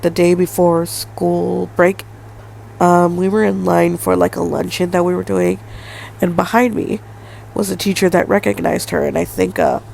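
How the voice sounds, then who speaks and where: A woman's voice: fairly low pitch, vocal fry, darkish tone, a little hiss or hum, rough recording. A woman in her twenties hosting a solo podcast, talking in a rambling way with lots of fillers and hedges. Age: 20s. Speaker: podcast host. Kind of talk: casual solo podcast monologue.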